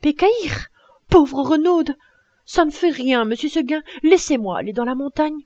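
A woman's voice: high-pitched, animated, measured pace, dark tone, no echo, highs cut off, pitched above the performer's own voice. A woman voicing a restless young female goat who pleads sweetly and insistently. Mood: pleading.

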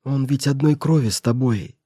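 A man's voice: medium pitch, normal speed, mellow, husky, dry recording, clean studio sound, lightly acted. A man voicing a poor, desperate mother who pleads tearfully with her brother. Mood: pleading.

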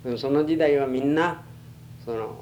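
Elderly man with western Japanese accent, halting. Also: medium pitch, darkish tone, muffled recording. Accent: western Japanese, Chugoku. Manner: halting, plain-spoken elder recollection. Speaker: oral history interviewee. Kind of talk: reminiscing in an interview. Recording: noisy archival tape with hum.

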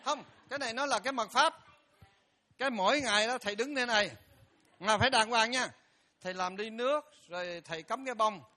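A man's voice: very high-pitched, fairly quick, bright, forceful tone. An older man, a Buddhist monk giving a humorous dharma talk and speaking straight to his audience. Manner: joking storyteller, addresses audience directly.

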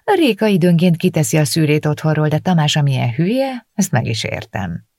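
A woman's voice: deep voice, sing-song, a little mellow, no echo, studio quality, voice pushed up, heavily acted. A woman reading an audiobook voices a chatty female friend who is apologetic at first, then blunt and outspoken. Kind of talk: audiobook character voice.

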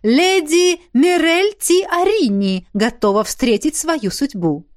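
A woman's voice: sits high, expressive, slow, no room sound, clean studio sound, voice pushed up. A woman voicing a male priest who announces the carnival in a grand, theatrical manner. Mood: grand proclaiming. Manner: proclaiming, theatrical.

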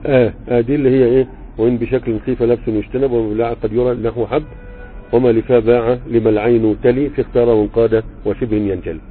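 Fast-talking Egyptian teacher over a tinny line. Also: male voice, mid-range voice, fairly even intonation, slight background noise. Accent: Egyptian Arabic. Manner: conversational, checks understanding often. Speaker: religious teacher explaining grammar. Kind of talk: live online lesson, reading a text and explaining. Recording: tinny phone-like audio.

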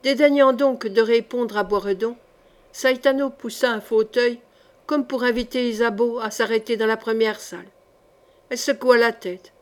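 Woman reading a historical novel aloud. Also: fairly high pitch. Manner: measured, expressive narration. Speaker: audiobook reader.

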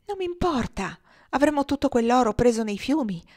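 A woman's voice: high voice, expressive, brisk, darkish tone, voice pushed up. A woman reading the lines of an earnest young woman in love who speaks with blunt frankness. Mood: insistent. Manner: frank, direct.

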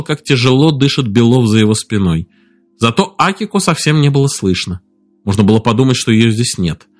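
A man narrating an audiobook in a steady, measured storytelling voice. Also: mid-range voice.

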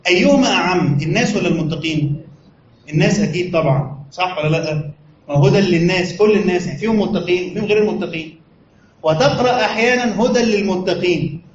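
A man's voice: high-pitched, fast talker. A man with an Egyptian Arabic accent teaching a religious lesson as a sheikh. He explains step by step and asks his listeners rhetorical questions. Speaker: sheikh teaching Quran commentary. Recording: roomy, muffled recording with faint noise.

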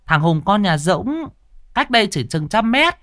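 A woman's voice: medium pitch, big pitch swings, measured pace, a bit bright, pitched above the performer's own voice. A man voicing a foul-mouthed, gossipy village tea-stall woman. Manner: chatty, coarse, gossipy.

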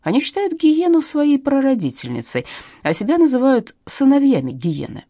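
A woman's voice: high-pitched, huge pitch swings, moderate pace, dark tone, dry recording, clean studio sound, pitched above the performer's own voice, heavily acted. Woman reading as a pompous old professor. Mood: lecturing. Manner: solemn, lecturing. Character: elderly male professor, pedantic lecturer.

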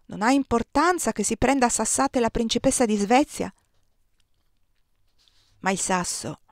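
A woman reads a literary novel aloud in a middle-pitched voice. Her delivery is measured and expressive, sometimes sinking to a hush. The recording is dry and close, with no room sound. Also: dry recording. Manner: measured, expressive reading with hushed passages. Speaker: audiobook reader. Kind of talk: literary audiobook narration.

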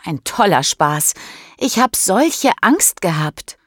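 Storybook teen girl, emotional, pitched up and loud, done by a woman narrator, unhurried, close and dry. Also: sing-song, no echo, full character voice. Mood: angry. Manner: cries out high and loud.

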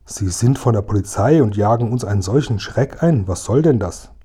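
A man's voice: on the low side, animated, moderate pace, mellow, slightly rough. A man voicing a cheeky young boy who stutters, in a children's storybook reading. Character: cheeky young boy, stammering when scared.

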